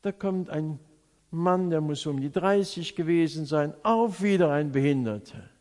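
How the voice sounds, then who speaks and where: A man's voice: fairly high pitch, lively intonation, a little mellow. A middle-aged man preaching a sermon, telling personal testimony in an earnest, storytelling way. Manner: slow, earnest storytelling, voice rising and sinking. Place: church. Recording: long church reverb.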